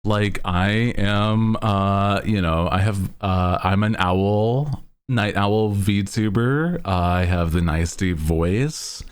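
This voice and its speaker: Speaking slowly in a fairly low, clear and resonant voice, this VTuber host chats casually with his stream viewers. He wanders from topic to topic, joking and poking fun at himself.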